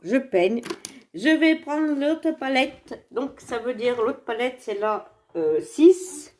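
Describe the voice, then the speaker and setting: Woman doing a live makeup demo on her phone, chatty and rambly, slightly high voice, laughs a lot. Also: lively intonation, slow pace, a little mellow, slight background noise. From Saint-Étienne area, France. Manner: chatty and rambling, laughs often, talks to viewers by name. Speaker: direct seller presenting makeup products. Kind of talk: casual live makeup demonstration. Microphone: phone camera in front of her.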